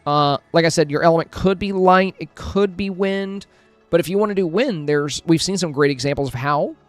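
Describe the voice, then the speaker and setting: A man's voice: on the high side, moderate pace, no room sound, faint music behind. A man streaming a casual review of game screenshots, friendly and thinking aloud with plenty of fillers and restarts. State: hiccuping, with a headache.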